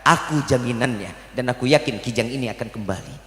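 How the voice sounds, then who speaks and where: A man voicing a calm, assured figure. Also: medium pitch, brisk, reverberant, big-room sound, voice pushed down, close to an everyday voice.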